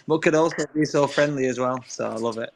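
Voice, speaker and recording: A man hosting a casual online audio chat, relaxed and thankful, often repeating his words. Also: mid-range voice, creaky. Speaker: host.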